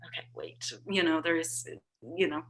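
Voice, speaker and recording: Over a video call microphone, a workshop participant in her thirties, a native Portuguese speaker, talks casually and often restarts while hunting for words. Her voice is deep and a bit bright, with a steady tone at normal speed.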